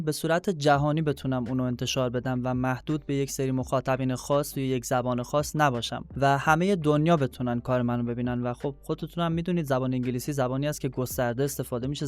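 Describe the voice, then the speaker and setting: A man's voice: mid-range voice, darkish tone, clean tone, no room sound. A young man, explaining things conversationally as an interview guest. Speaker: guest, YouTuber.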